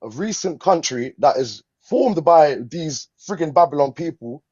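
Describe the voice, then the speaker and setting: A man's voice: on the high side, animated, unhurried, darkish tone, husky, muffled recording. A man making a blunt, emphatic case in a live online debate. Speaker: caller. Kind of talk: heated live-stream debate.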